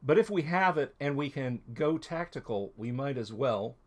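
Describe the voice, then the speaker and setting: A man running a tabletop role-playing game as dungeon master, narrating in an unhurried way with plenty of ums and uhs. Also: mid-range voice, animated.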